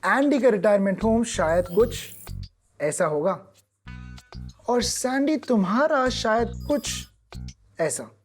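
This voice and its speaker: A woman as a patient financial advisor in an animated explainer ad, walking through figures slowly and deliberately in mixed Hindi and English. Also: on the high side. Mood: explaining. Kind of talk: explainer ad dialogue. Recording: light music behind.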